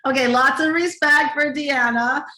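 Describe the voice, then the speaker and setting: A woman from New York introducing herself, excited and grateful. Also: high voice, a little slow. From New York, USA. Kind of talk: self-introduction. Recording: echoey room.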